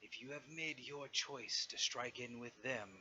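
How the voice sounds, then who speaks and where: Man as aging dragon, dragon voice, slow, menacing, grave, tabletop role-play, slightly noisy recording. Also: mid-range voice, bright, forceful tone, lo-fi sound. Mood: weary menace.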